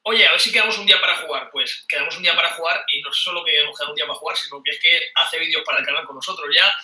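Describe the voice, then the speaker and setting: The voice is a little high, very fast and sharp, picked up by a distant webcam mic during a video call. It belongs to a Spanish board game YouTuber in his thirties, a guest in a casual interview, who tells stories energetically and laughs often. He's indoors in a small home room, and the audio is roomy and off-mic.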